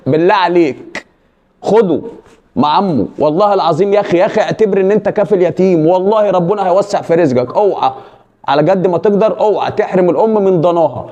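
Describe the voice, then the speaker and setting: An Egyptian man speaks straight to the viewers with pleading, preachy advice. His voice sits fairly high for a man, and he talks very quickly. The recording has a dull, lo-fi sound. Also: mellow. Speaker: video creator giving advice. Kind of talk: direct address to viewers.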